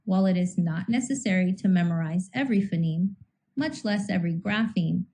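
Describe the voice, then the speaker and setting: A woman reading a scripted teaching lecture in a measured way, slowing down to sound out individual speech sounds. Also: lowish voice, animated, dark tone, low-quality recording. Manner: measured, slows to sound out phonemes. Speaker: instructor.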